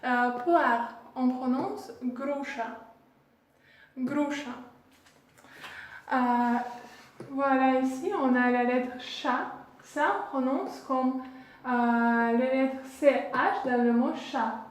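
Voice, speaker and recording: High-voiced woman teaching slowly. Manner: patient, repeats each word slowly. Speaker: Russian teacher. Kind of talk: language lesson. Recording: echoey room, distant mic.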